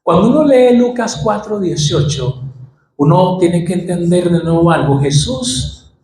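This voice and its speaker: High-voiced preacher in an echoey hall. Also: male voice, expressive, a little slow, darkish tone, a little hiss or hum. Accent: Colombian Spanish. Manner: dramatic preaching, acting out scenes. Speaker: pastor. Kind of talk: sermon.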